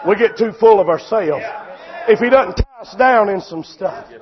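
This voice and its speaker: A man preaching a sermon, impassioned and often shouting, with a repetitive preaching cadence. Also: high voice, normal speed, highs cut off, crowd noise.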